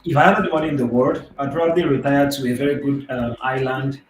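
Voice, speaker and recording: A man's voice: mid-range voice, fairly even intonation, fast, roomy sound, rough recording. Hesitant male host on a video call. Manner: hesitant, lots of ums. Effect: heard over a video call. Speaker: webinar host.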